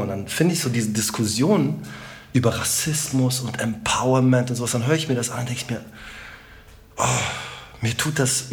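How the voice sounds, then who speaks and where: A middle-aged man with a Rhineland German accent, a comedian chatting as a podcast guest in an animated, joking and emphatic way. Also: mid-range voice. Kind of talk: casual podcast conversation.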